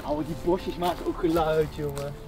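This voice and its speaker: A man's voice: fairly high pitch, level tone, moderate pace, over music. A man in his twenties chatting casually as a vlogger outdoors. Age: 20s. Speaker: vlogger, seeker in a game. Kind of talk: casual excited vlog banter. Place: dark garden at night. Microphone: camera held by a cameraman.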